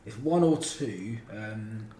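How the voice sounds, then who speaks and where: A man plays in a trivia podcast, speaking slowly and joking between answers. He tries out mock accents now and then. His voice comes from off-mic in an echoey room with faint noise. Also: fairly low pitch, expressive, mellow. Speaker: quiz contestant. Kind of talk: casual quiz banter.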